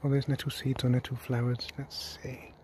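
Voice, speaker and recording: Guy vlogging on his phone outside, flat easy voice, lots of ums, bit of outdoor hiss. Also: medium pitch, normal speed. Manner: relaxed, rambling with many ums and restarts. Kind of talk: casual vlog walkthrough. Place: outdoors at a rural charging station and van.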